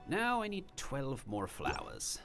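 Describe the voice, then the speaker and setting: A man's voice: medium pitch, huge pitch swings, slow pace, vocal fry. A man casually commenting on his gameplay in a chatty, wry way, tossing in self-mocking asides. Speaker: streamer. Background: game music.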